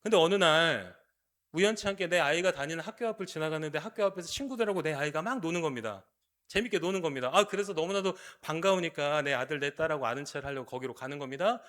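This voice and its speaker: A male pastor preaches a sermon in a high, bright voice. He tells stories quietly, then lifts his voice into loud, emphatic appeals. He is recorded in a church sanctuary. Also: lively intonation, quick pace. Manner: swings between hushed storytelling and loud, emphatic appeals.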